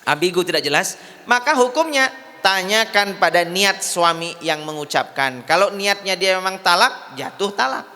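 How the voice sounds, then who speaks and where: Bright-voiced preacher man. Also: high-pitched, expressive, moderate pace. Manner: patient, repeats points, asks audience if they understand. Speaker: Islamic preacher. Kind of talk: religious study lecture. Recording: hall reverb.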